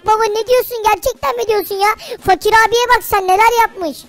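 A man voicing an excitable, whiny little boy in a Minecraft role-play, calling his dad in a chatty way. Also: extremely high pitch, a little fast, soft background music, pitched above the performer's own voice. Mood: eager.

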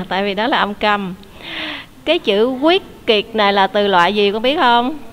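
A woman's voice: mid-range voice, expressive, a little slow. A woman teacher, leading an online English class, explaining answers patiently and quizzing her students.

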